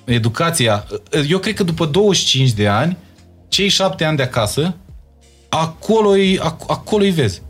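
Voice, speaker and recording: A man's voice: fairly high pitch, lively intonation, husky, faint music behind. A young man with a Moldavian Romanian accent, speaking as an interview guest in casual talk and stressing his points by repeating words.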